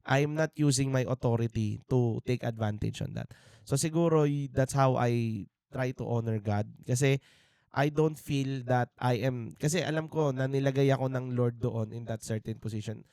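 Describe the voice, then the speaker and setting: Earnest Filipino man, smooth clear voice. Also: mid-range voice, moderate pace, darkish tone, dry recording, studio quality. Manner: earnest, reflective, with frequent restarts and fillers. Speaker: podcast co-host. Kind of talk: candid faith testimony, mixing Tagalog and English. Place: indoor podcast studio.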